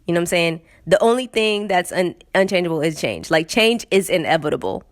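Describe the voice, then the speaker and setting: A woman hosting a podcast, riffing in a casual comedic monologue, animated and sarcastic, with lots of fillers and laughter. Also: fairly low pitch, fairly quick, no echo, clean studio sound. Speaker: podcast host.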